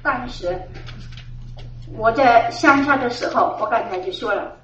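A middle-aged woman with a high voice gives an earnest church testimony, circling back to the same phrases and laughing now and then. She sounds far from the mic in a roomy space, and the recording is dull and muffled. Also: unhurried, fairly bright tone, a little hiss or hum. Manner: earnest, repeats phrases, laughs while telling. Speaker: church member giving testimony. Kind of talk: personal religious testimony. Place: church gathering. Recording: echoey, distant, dull room recording.

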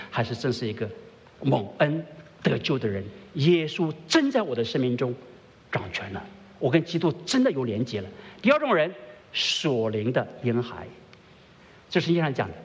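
A man preaching a sermon as pastor to a congregation at a church service. He keeps asking his listeners questions, swings between soft and emphatic delivery, and drops English words into his speech. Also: medium pitch, long reverb tail.

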